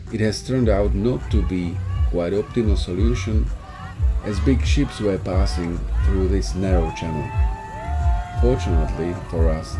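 A man narrating a sailing trip in a steady, plain voice-over. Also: low-pitched. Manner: plain, steady, slightly non-native phrasing.

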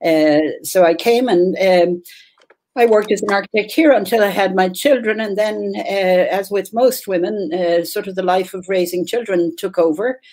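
A woman's voice: medium pitch, moderate pace, darkish tone. An older woman from Ireland, a guest on a video call, telling her story in a rambling way with frequent fillers and repeats. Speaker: interview guest. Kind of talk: casual interview. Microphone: webcam on video call.

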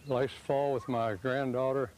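A man's voice: medium pitch, steady tone, a little slow, darkish tone, a little hiss or hum, poor audio. An older man talking easily and with dry humor in an outdoor news interview in a small park. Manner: easygoing, dryly humorous, chuckling.

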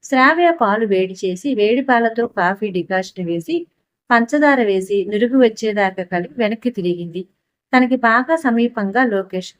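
A woman narrating a scripted story for an audiobook in a steady, even manner on a close mic. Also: fairly high pitch, normal speed, dry recording.

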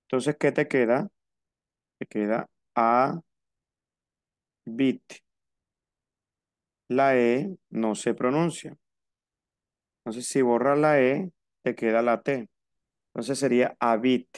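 A man teaching French over a video call, explaining each rule slowly and patiently and repeating it. His voice is smooth and clear. The sound is close and dry, with no room around it. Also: mid-range voice, no room sound. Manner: patient, repeats and spells out rules. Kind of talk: online class explaining French in Spanish.

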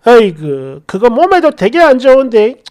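A woman's voice: a little high, sing-song, normal speed, darkish tone. A woman voicing a middle-aged mother-in-law who nags in a tut-tutting, passive-aggressive way. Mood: fussing. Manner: tut-tutting, scolding through sighs.

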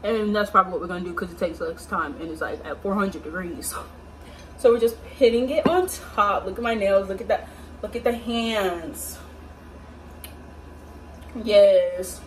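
A young adult woman from America, medium in pitch and normal in speed, leaves long pauses while casually and playfully chatting in slang to the viewers of her home cooking vlog. She films in a small home kitchen indoors, using a phone or camera propped far off, so the audio sounds distant amid noisy kitchen ambience.

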